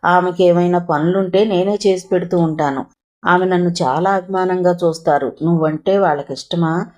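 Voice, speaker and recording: A woman voicing a patient young man who calmly reassures and advises. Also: lowish voice, normal speed, natural voice. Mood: reassuring. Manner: calm, reassuring advice.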